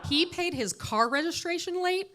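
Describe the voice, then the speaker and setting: Heavy background noise surrounds a woman in her late thirties doing a stand-up set at a comedy club with a live audience. She delivers dry, self-deprecating punchlines in a very high-pitched voice.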